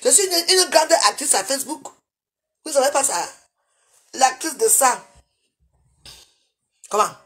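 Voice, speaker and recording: A woman, livestreaming from her bedroom on a phone and scolding her viewers, swinging between loud outbursts and low mutters. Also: sing-song, unhurried, pauses often. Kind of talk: live video rant at viewers.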